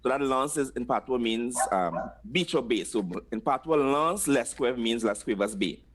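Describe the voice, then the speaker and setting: A man's voice: medium pitch, lively intonation, normal speed. A man teaching patois place names, patiently repeating each word for others to echo.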